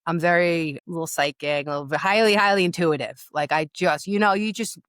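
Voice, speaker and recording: A loss and empowerment coach from New York, USA, this middle-aged woman speaks briskly with a New York accent as a podcast guest sharing her personal story. Her fairly low, clean, slightly bright voice is emphatic and candid, stressing points by repeating words, and the studio sound is clean with no echo.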